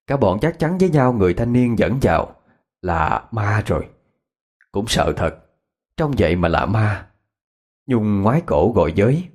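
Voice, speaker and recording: A man narrating a ghost story in a dramatic, expressive reading. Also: lowish voice, breathy edge.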